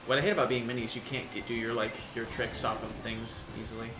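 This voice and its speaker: A man's voice: medium pitch, little pitch movement, fast. A man streaming a racing game, chatting casually, swearing and laughing with friends. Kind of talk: casual gaming stream chat. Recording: roomy sound with game music.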